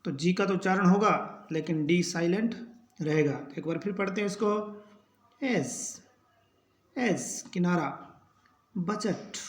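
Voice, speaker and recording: Slow, high-voiced man teaching spelling. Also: echoey room. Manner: spells words letter by letter, then repeats each pronunciation. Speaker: English teacher.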